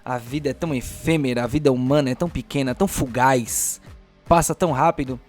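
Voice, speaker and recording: Speaking at a medium pitch with a slightly mellow quality, a Brazilian man leads a tabletop session as its game master. He tells the story in a measured, dramatic way, with faint music playing behind him.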